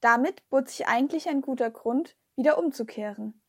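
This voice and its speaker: A woman narrating a children's story in a lively first-person storytelling manner. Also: high voice, moderate pace, breathy edge, dry recording, clean studio sound. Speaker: audiobook reader.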